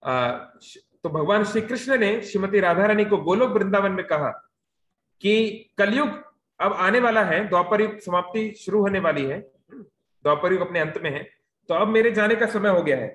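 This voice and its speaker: Over a video call, a man gives a devotional youth lecture, telling the story in a storytelling way with English words mixed in and frequent fillers. His voice sits high and is a bit bright, at normal speed, and the low-quality recording is reverberant.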